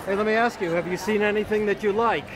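A man's voice: sits high, steady tone, quick pace. A man in his fifties hosting a casual live walkaround in a big exhibition hall, talking upbeat and chatty into a phone camera held at arm's length. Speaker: livestream host. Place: large busy indoor exhibition hall. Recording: loud crowd noise around.

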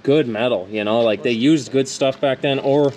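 A young man in a home garage talks his viewers through the repairs in quick, chatty bursts. His voice is mid-pitched. Tools click and clatter clearly around him. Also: a little mellow, a little hiss or hum, low-quality recording. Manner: chatty, fast updates to viewers. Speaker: co-host of a car repair channel. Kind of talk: casual garage chat.

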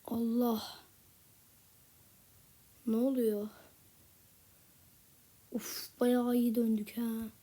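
A woman giving casual gameplay commentary in a soft, half-whispered voice, a little sick with a slightly rough voice. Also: fairly high pitch, little pitch movement, very slow, pauses often. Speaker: gaming channel host.

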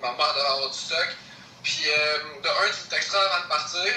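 Young man, Quebec French accent, casual phone chat, high-pitched, very sharp tone, tinny speakerphone in echoey room. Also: quick pace, distant mic, a little hiss or hum. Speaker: friend on a phone call.

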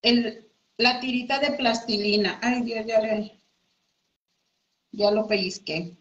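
A woman's voice: on the high side, slow, fairly bright tone. A woman teaching a casual live craft class from home, chatting with her viewers as friends. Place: home room. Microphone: computer mic. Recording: echoey room, dull audio.

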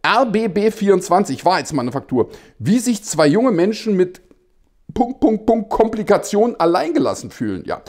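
A man's voice: sits high, lively intonation, normal speed, a little mellow. A man hosting a satirical news show, reading out headlines and adding ironic, mock-innocent asides, often chuckling between remarks.

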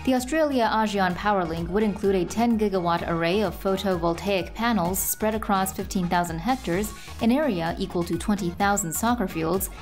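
A woman narrating a scripted news report in an even, informative voice-over. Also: medium pitch.

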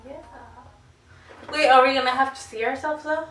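Young woman, high voice, bright tone, mumbly, swears, echoey room, distant mic. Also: fairly even intonation, moderate pace. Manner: mumbling, swears casually, self-mocking. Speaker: vlog co-host. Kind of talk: casual tipsy chat.

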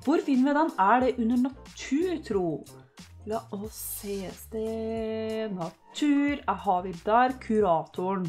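A young woman from Norway chatting casually through a life-sim game, cheering her sim on loudly at times. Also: a little high, animated. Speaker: gaming YouTuber. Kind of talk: casual let's-play commentary. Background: faint game music.

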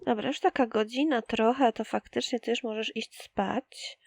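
A woman's voice: a little high, fairly even intonation, moderate pace, darkish tone, dry recording, clean studio sound. A young woman chatting casually as she plays a life-sim game, teasing the characters and talking to them directly. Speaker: gaming YouTuber. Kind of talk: casual let's play commentary.

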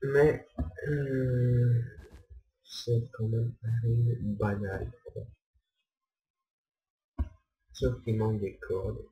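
A man's voice: mid-range voice, flat delivery, extremely slow, pauses often, muffled recording. A young man giving rambling, hesitant commentary while playing a game, repeating himself often. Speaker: gamer. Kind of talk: casual gameplay commentary.

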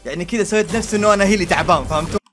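A man's voice: high-pitched, racing, a bit bright, a little hiss or hum. A young man giving live gameplay commentary, frantic, yelping and pleading. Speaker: gaming YouTuber.

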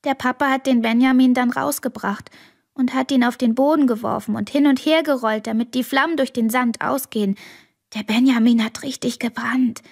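A woman reading the part of an earnest, upset little girl, with her voice raised to a childlike pitch. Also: fairly even intonation, moderate pace, gravelly. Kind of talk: audiobook reading.

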